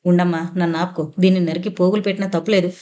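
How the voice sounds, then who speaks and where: A woman's voice: lowish voice, steady tone, racing, dark tone, lightly acted. A woman reading a furious husband's threats.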